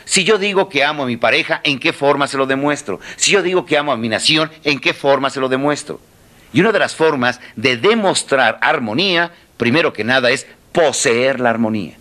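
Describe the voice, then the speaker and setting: A man's voice: mid-range voice, pushed and bright. A man giving a motivational talk, asking rhetorical questions and repeating key words for emphasis. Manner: rhetorical questions, dramatic pauses, repetition. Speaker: motivational speaker. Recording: faint music behind.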